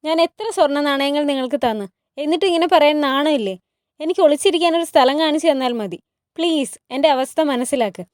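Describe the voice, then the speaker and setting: A fiery young woman who fights back and begs by turns, as a woman storyteller puts her on. Her voice sits high and sounds close and dry, as in a storybook read-aloud. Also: fast talker, darkish tone, no echo, close to an everyday voice. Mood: pleading. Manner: pleading and defiant.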